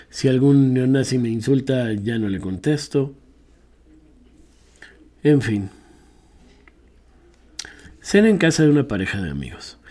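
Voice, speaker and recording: Man, reading an essay aloud, mellow warm tone, measured and reflective, slips and corrects himself. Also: medium pitch. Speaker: reader.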